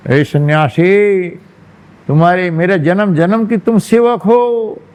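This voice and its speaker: A man voicing a four-armed divine boy who speaks slowly and solemnly, gently scolding. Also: high-pitched, clean tone. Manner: slow, solemn, admonishing.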